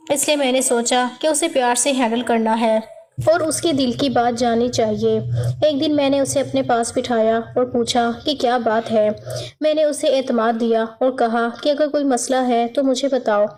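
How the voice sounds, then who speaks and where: High-voiced woman narrating a story. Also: a little mellow. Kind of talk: first-person scripted story narration.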